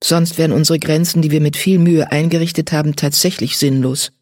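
A broad-shouldered grey tomcat speaks calmly and evenly, as a reader plays him. The voice is husky and the sound is dry and close. He leads the patrols in an audiobook. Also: mid-range voice, a little fast, dry recording, close to an everyday voice. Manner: calm and composed.

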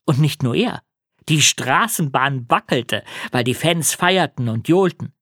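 A man reading a first-person children's story aloud in animated storytelling. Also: medium pitch, measured pace, dry recording, studio quality. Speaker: audiobook narrator. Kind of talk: scripted first-person narration.

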